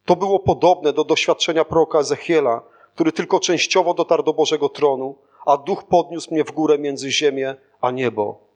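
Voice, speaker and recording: A man reading a first-person spiritual testimony aloud as scripted narration, in an earnest, steady manner. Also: a little high, moderate pace. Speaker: audiobook narrator.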